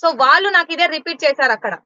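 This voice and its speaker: A woman's voice: high voice, lively intonation, fast, pushed and bright, dry recording, lo-fi sound. A woman giving blunt, indignant answers in an interview. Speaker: interview guest.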